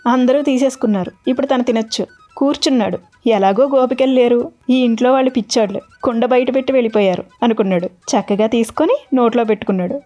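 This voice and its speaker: A woman retelling a devotional story in an animated, expressive way. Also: fairly high pitch.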